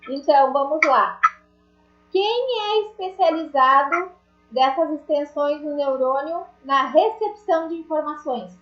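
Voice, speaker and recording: A high-pitched woman teaches an online class, chatty and full of small jokes as she talks straight to her students. Her voice comes through a dull, lo-fi call with a roomy echo. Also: a little slow, faint music behind. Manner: chatty, jokey, addresses students directly.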